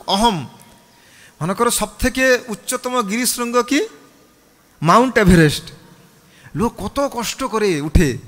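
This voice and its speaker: A man's voice: sits high, fairly bright tone, in a large hall. A man, a monk, preaching a scripture sermon, asking the audience questions and leading them in chanting. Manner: call-and-response, chants the mantra with the audience.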